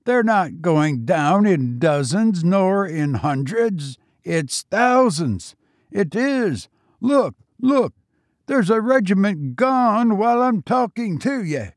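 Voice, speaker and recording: A man voicing an excited British soldier in a trench who bellows in astonishment. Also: high voice, takes it slowly, no echo, clean studio sound, voice pushed up, heavily acted. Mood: astonished.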